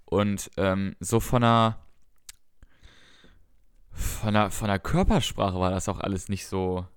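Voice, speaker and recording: A man's voice: lowish voice, steady tone, slow pace, clear, resonant tone. A man co-hosting a casual podcast, chatting about darts in a rambling way, often correcting himself and listing results at length. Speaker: podcast co-host.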